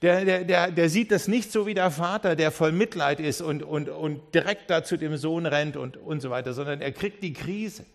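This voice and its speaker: A male pastor delivers a sermon with a voice pitched a little above the usual for a man. He tells the story with animation, slipping into the characters' parts and restarting his sentences along the way. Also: normal speed, creaky, few pauses. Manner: lively storytelling that acts out the characters; frequent restarts and repeated words.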